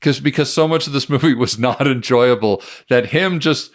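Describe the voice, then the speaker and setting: Easygoing male podcast co-host. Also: medium pitch. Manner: easygoing, laughs often, quick agreeing replies. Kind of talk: casual movie review chat.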